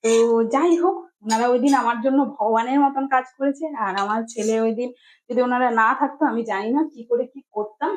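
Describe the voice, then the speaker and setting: A young mother tells a personal story straight to her viewers. Her voice sits high, and she rambles in a casual, chatty way, circling back with fillers and restarts. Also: a little fast, a little hiss or hum, poor audio.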